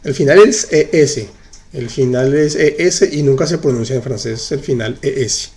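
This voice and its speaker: A French teacher with a mid-range, slightly mellow voice leads a live online class. Patient and slow in his explanations, he repeats examples and answers viewers' questions from the chat.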